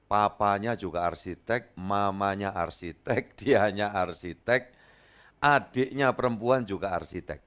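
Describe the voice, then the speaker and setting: A man from East Java preaching a lively sermon as pastor, acting out dialogue in a raised voice. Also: fairly low pitch, clear, resonant tone. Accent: Indonesian, East Java.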